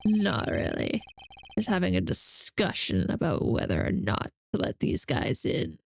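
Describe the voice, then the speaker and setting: Woman putting on a low, cocky male agent. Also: huge pitch swings, measured pace, vocal fry, heavily acted. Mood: offhand. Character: cocky, stern male agent, smooth-talking and dismissive. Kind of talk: acted video game dialogue read-aloud.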